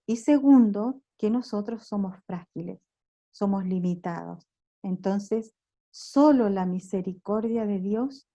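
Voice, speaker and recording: A woman leading an online prayer workshop, teaching in a slow, reflective way, with "eh" pauses and questions tossed to the group. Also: medium pitch, mellow, highs cut off. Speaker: workshop leader. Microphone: online video call recording.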